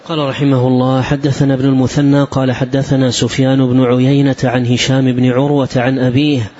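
A man reads chains of narration aloud for a lesson in a steady, formal recitation. His pitch barely moves, and the recording is muffled and lo-fi. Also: brisk. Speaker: text reader in a lesson.

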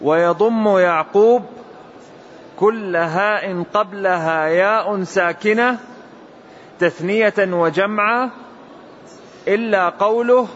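Slow, high-voiced man reciting a classical text. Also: fairly bright tone. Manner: measured, deliberate recitation. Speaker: student reading a classical text aloud. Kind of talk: slow formal reading of a classical commentary. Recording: dull lo-fi recording with faint hiss.

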